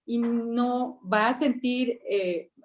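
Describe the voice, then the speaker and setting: A woman's voice: a little high, steady tone, extremely slow, a crowd in the background. A woman with a Mexican accent, a student joining a class discussion and chatting through her examples. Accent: Mexican Spanish. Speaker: student in a study group.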